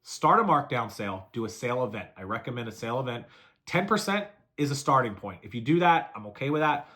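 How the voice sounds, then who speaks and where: Brief: man in mid pitch, rapid-fire coaching delivery, casual how-to video host. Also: expressive, fairly bright tone. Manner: brisk, coaching, lists steps and repeats them. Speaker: reseller giving selling tips. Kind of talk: fast casual how-to talk to camera.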